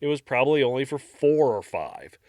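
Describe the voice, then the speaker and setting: A man co-hosting a podcast, reading out a dark history story in a casual, jokey way. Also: mid-range voice, lively intonation, brisk, no echo, clean studio sound. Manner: jokey, breaks into silly voices and laughs. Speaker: podcast co-host narrating history.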